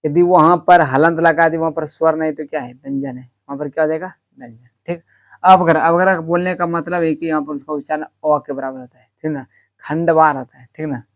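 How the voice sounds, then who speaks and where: A man teaching a lesson. He asks questions and answers them himself, keeps checking with his listeners, and stretches words out slowly to show how they are said. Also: on the high side, fairly even intonation. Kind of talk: classroom-style lesson.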